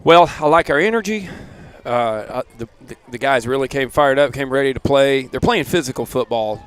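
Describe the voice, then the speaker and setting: A man's voice: medium pitch, animated, moderate pace, smooth. A man doing casual color commentary at an outdoor football game, chatty and full of restarts and "you know"s.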